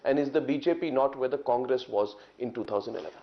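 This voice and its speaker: A man's voice: mid-range voice, fast, vocal fry. A man anchoring a combative TV interview, pressing and interrupting his guest. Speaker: news anchor. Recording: dull TV broadcast audio.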